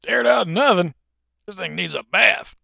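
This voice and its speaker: A man voicing a fussy, blunt car buyer who is quick to complain. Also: on the high side, big pitch swings, vocal fry, a bit bright, no room sound, muffled recording, full character voice. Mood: disgusted. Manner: blunt, easily disgusted.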